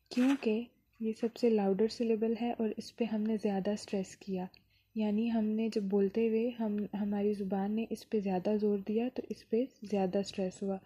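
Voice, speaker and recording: A woman's voice: medium pitch, dark tone, slightly rough. A woman teaching an English lesson, explaining patiently and sounding out words syllable by syllable.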